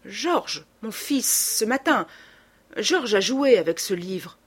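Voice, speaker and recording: A woman's voice: medium pitch, animated, takes it slowly, husky, full character voice. A woman voicing a sorrowful, resigned young noblewoman in a storybook reading, hesitant and flustered in her answers.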